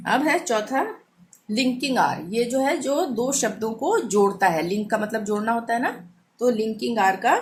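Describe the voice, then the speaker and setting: A woman's voice: on the high side, a little hiss or hum. Patient woman teaching pronunciation. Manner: patient, repeats each example slowly. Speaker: language teacher. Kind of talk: explaining pronunciation rules.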